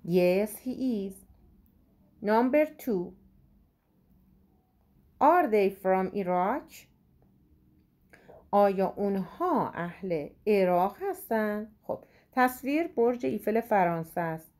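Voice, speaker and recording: A woman teaching, going through exam questions, saying English words slowly and explaining quickly in between. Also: mid-range voice, lively intonation, dark tone.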